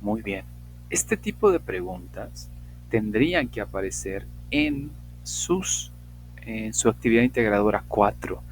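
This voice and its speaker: Male English teacher, patient and explanatory, lowish voice, faint hum behind. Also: expressive, rough recording. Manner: patient, explanatory, with slow drawn-out example questions. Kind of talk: online class lecture.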